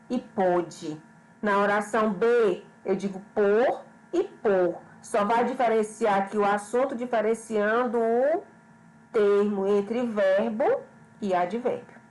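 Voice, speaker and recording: A woman teaching a grammar lesson at a slow, unhurried pace. Her voice sits a little high, and she repeats each question patiently, checking in with her pupils as she goes. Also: rough recording.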